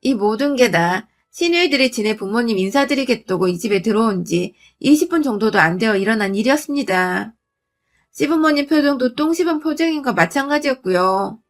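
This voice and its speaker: Woman, slightly high voice, blunt and indignant first-person storyteller. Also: expressive, brisk. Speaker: storyteller recounting her marriage.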